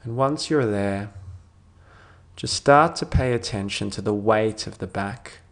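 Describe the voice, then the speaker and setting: A man speaks as a sleep story narrator guiding a meditation, in a low voice with a creaky, gravelly edge. He goes very slowly, setting down short, soothing phrases with long pauses. The ends of his phrases soften and sink away gently.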